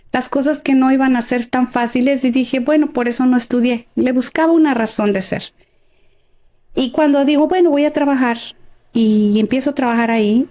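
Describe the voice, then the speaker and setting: A middle-aged woman with a Mexican accent, a guest telling her life story in an expressive, emotional way. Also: high voice. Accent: Mexican Spanish. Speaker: interview guest. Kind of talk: personal life story in conversation.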